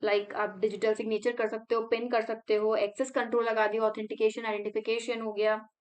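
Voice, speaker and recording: A woman's voice: on the high side, flat delivery, a little fast. A young woman tutor giving a casual exam revision lesson, chatty, walking through mnemonics step by step with English terms in Indian English. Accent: Indian English words mixed into Hindi.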